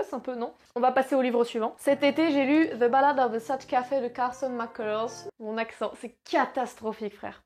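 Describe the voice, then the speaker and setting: A woman's voice: a little high, darkish tone. A woman in her twenties chatting casually about books she read, slangy and self-mocking. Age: 20s. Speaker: book vlogger. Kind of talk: casual book review vlog.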